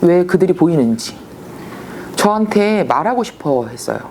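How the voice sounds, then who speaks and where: A woman shaman recounts her experiences in a casual storytelling manner. Her low-set voice swings widely in pitch as she acts out the people she quotes. A faint hiss of noise sits under the recording. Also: very animated, moderate pace, warm tone.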